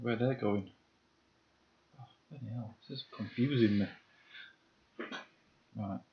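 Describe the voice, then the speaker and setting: A man in his 50s with a lowish voice talks slowly and casually on a live stream as he builds Lego. He mutters to himself and answers viewers' comments, and the audio sounds dull.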